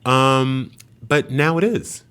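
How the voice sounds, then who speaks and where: A man's voice: medium pitch, slow, fairly bright tone, clean tone. A man from Haiti, raised in New York, talking as a guest in an interview, playful and chuckling. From Haiti, raised in Queens, New York. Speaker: fashion designer, guest.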